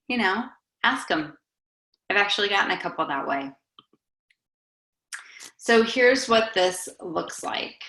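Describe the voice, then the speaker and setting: A woman's voice: mid-range voice, sharp tone, reverberant, low-quality recording. A woman giving a sales training talk, coaching her listeners in a conversational way and acting out sample lines. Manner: coaching, conversational, demonstrates scripts aloud. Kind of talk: training presentation.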